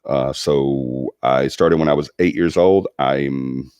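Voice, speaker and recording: A man's voice: a bass voice, slow pace, darkish tone, clean tone, no room sound, faint music behind. A man, hosting a paranormal livestream and chatting casually with lots of ums and restarts. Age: 40s. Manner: rambling, with many ums and restarts. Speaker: paranormal show host reading live chat.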